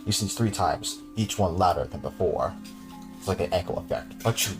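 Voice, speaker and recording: A man's voice: low voice, animated, moderate pace, over music. A man hosting a podcast, reading a horror story aloud with casual, chuckling asides to his cohost.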